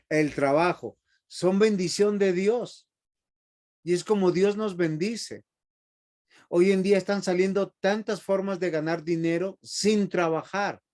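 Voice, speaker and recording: A man's voice: sits high, slow, long pauses, a little mellow. A man teaching a seminary Bible class, emphatic and often asking the class rhetorical questions.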